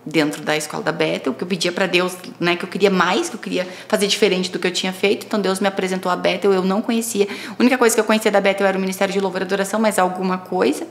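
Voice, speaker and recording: A woman's voice: mid-range voice, very fast, creaky, few pauses. A Brazilian woman on a podcast sharing her personal faith testimony in casual talk, telling it expressively and acting out the conversations she describes. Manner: expressive storytelling, acting out dialogue. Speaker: podcast guest.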